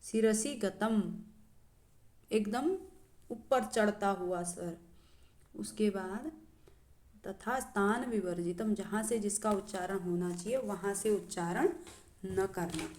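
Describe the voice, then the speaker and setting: Woman, teacher, slow measured delivery, mellow tone, recites verses then explains, pauses and fillers. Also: mid-range voice. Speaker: Sanskrit teacher.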